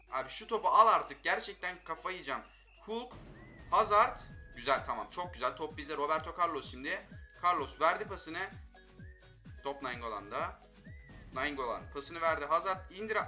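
Excitable young man, bright high voice. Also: moderate pace, soft background music. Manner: excitable, frustrated outbursts at teammates. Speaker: gaming channel host. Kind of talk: mobile football game commentary.

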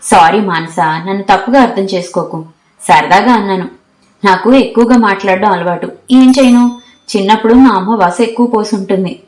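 A woman's voice: medium pitch, moderate pace, darkish tone, echoey room, natural voice. A woman voicing a talkative, bold young woman college student who teases her new roommate. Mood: teasing. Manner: teasing, chatty.

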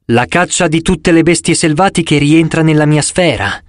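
A man's voice: a little high, no room sound, studio quality, close to an everyday voice. A man voicing a severe, imperious young goddess. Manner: slow, cold decrees. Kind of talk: audiobook character voice.

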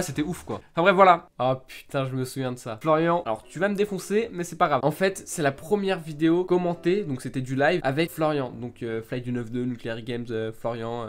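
Quick, jokey young gaming YouTuber man. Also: medium pitch. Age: young adult. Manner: jokey, self-mocking, laughs often, swears casually. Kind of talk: casual video commentary.

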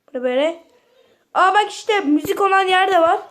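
Very high-voiced panicky woman gamer. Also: animated, brisk, background noise. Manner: panicky, screams and pleads at the monster. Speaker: gameplay streamer. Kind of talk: horror game let's-play commentary. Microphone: mic held to her ear.

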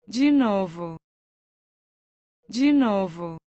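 A woman's voice: medium pitch, lively intonation, extremely slow, warm tone, no room sound, highs cut off. A woman reading short phrases for a language lesson, saying each one twice with careful pronunciation. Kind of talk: slow repeated phrase reading.

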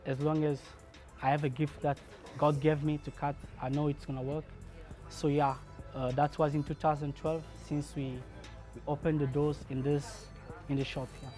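A man in his thirties tells his story as a barbershop owner in a documentary interview, pausing and restarting often as he searches for words. His voice sits a little high and stays flat, with only small rises and falls. Faint music plays under him. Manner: hesitant, many restarts and fillers. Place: barbershop, indoors.

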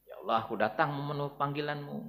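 A man preaching a dawn sermon to a mosque congregation, swinging between loud exhortation and hushed, tender calls. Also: a little high, very fast, long reverb tail. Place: large mosque.

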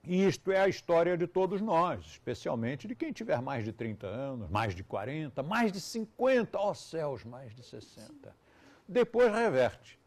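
This yoga teacher is a man in his seventies with a Brazilian Portuguese accent and a slightly high, very animated voice. At a moderate pace, he gives a live lecture to students, keeping it conversational and dropping ironic asides.

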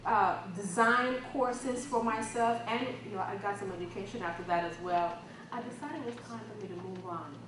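A woman from the Caribbean giving a humorous motivational talk at a conference, telling self-mocking stories and acting out dialogue. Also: fairly high pitch. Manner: lively storytelling, self-mocking, acts out quoted dialogue. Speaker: keynote speaker. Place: conference hall. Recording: echoey hall from far off with background noise.

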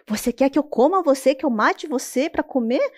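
A startled young storybook lad, voice rising high with wonder, as a woman storyteller puts him on. Brazilian Portuguese accent, full of bouncy rises. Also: animated, brisk, darkish tone. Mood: surprised. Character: poor, hardworking young man, startled.

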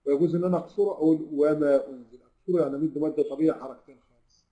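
A man with an Egyptian accent teaching tajweed to an online class, who puts questions to his students, answers them himself, and draws the recited verses out slowly. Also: on the high side, steady tone, mellow, rough recording. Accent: Egyptian Arabic.

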